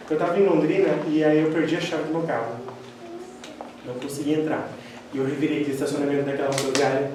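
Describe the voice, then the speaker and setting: A man gives a spiritist lecture, telling animated personal stories and acting out the dialogue. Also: a little high. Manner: animated storyteller who acts out quoted dialogue. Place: lecture hall of a spiritist center. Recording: very echoey hall, distant mic, faint noise.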